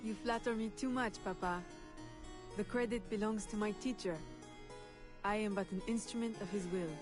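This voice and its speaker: A woman voicing a calm, determined young heroine in a video game, speaking formally. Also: mid-range voice, moderate pace, natural voice. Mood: gentle. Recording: game audio with music behind.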